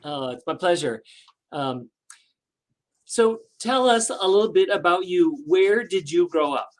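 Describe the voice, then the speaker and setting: A man's voice: high voice, expressive, measured pace. Man hosting a friendly interview. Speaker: host.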